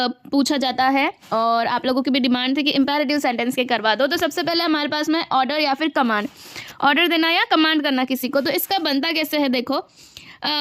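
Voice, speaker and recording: A woman teacher explaining grammar for exam preparation, asking students whether they follow and reading example sentences slowly. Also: high voice, a bit bright, no room sound, studio quality. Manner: explains step by step, asks students if they understand; reads English example sentences slowly and deliberately. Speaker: English teacher. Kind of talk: exam-prep grammar lesson.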